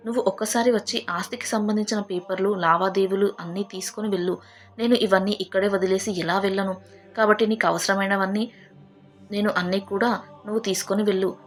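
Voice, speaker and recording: A woman's voice: mid-range voice, fairly even intonation, brisk, faint music behind, lightly acted. A woman reading a bitter old village father. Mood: resigned. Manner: reproachful, bitter. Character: grieving, stern elderly village father.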